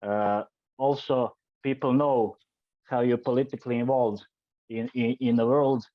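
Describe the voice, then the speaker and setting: A man from Montenegro who speaks English as a second language asks interview questions, slowly and haltingly. His voice sounds dry and dull, like a lo-fi call recording. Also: medium pitch, steady tone, no room sound. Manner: slow, hesitant, with many uhs. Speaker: podcast host.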